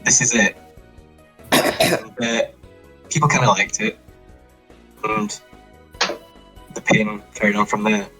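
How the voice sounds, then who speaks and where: A man telling a rambling story in quick bursts during a casual commentary over a weak call connection. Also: on the low side, big pitch swings, gravelly, bright, forceful tone, soft background music, rough recording. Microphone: home mic on a weak call connection.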